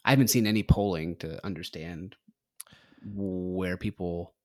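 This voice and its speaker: A man's voice: low-pitched, unhurried, a little mellow, no room sound, studio quality. A man hosting a podcast, talking casually with a hesitant, filler-heavy, easygoing delivery. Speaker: podcast host. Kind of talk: casual chat.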